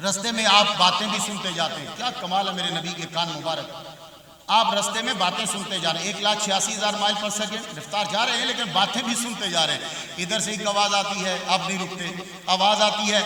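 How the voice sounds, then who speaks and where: A man, a religious scholar, preaching an emphatic sermon to a live audience, asking questions and answering them himself, with loud, forceful bursts. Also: high-pitched. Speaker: religious scholar giving a speech. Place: large hall at a community event. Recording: echoey hall, voice from far off.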